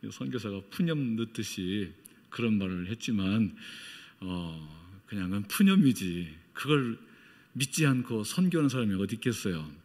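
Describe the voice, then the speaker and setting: A man's voice: animated, moderate pace. A middle-aged man preaching as a missionary, telling his story with feeling and acting out the voices of people he quotes. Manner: emotional storytelling, acts out quoted dialogue with big swings in pitch and loudness. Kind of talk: sermon. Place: church. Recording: long church-hall reverb.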